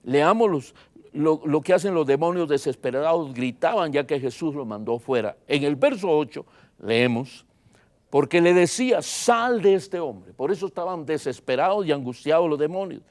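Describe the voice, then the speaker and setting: A pastor preaching a sermon, emphatic and dramatic, swinging between loud and soft and repeating phrases for emphasis. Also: male voice, moderate pace. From Guatemala. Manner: emphatic preaching with wide swings in loudness and pitch.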